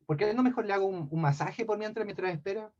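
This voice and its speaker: A man voicing a cunning male hero disguised as a frail old man, who talks slowly, humbly and pleadingly, in a dull lo-fi recording. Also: sits high, darkish tone. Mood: wheedling.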